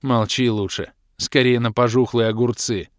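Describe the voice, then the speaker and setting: A man's voice: medium pitch, fairly even intonation, moderate pace, no echo, natural voice. A man reading an audiobook, voicing a tired, sardonic young woman with a dry, sulky delivery. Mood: grumbling. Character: weary sharp-tongued young woman, a baroness.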